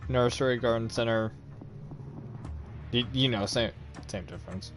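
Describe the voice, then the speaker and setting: A man's voice: medium pitch, normal speed, faint music behind. A man hosting a chat show, telling a casual story, swearing freely and laughing at his own jokes. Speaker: host.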